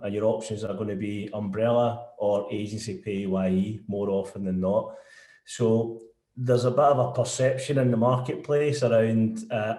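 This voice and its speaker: A man's voice: lowish voice, warm tone, reverberant. A man with a broad Glaswegian Scottish accent giving an informal webinar presentation as a guest speaker. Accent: broad Scottish, Glasgow. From Scotland. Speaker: guest speaker, sales director.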